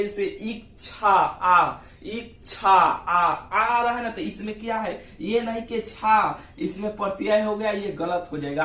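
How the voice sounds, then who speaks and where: A man's voice: high voice, fairly bright tone. A male teacher explaining a grammar lesson, asking rhetorical questions and repeating himself. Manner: repeats "ठीक है" and rhetorical questions, drawls words out slowly. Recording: roomy, distant from the mic.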